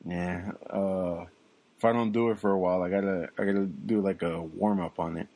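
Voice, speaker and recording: A young man talks casually as a podcast co-host. His voice sits low, and he rambles along, filling pauses with ums and uhs. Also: fairly even intonation, darkish tone. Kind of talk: casual chat.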